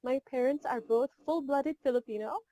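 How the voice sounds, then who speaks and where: A woman's voice: sits high, normal speed, mellow, poor audio. A woman in her twenties from Seattle, with an American accent, answering questions as a pageant contestant on a video call. She sounds earnest and upbeat, with a Filipino word here and there. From Seattle, United States. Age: 20s. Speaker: beauty pageant contestant guest. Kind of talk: casual online interview.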